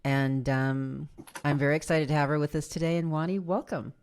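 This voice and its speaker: Low-voiced, bubbly woman host. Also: steady tone, fairly quick, a little mellow, smooth. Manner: bubbly, encouraging with short affirmations. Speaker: podcast host. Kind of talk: interview hosting.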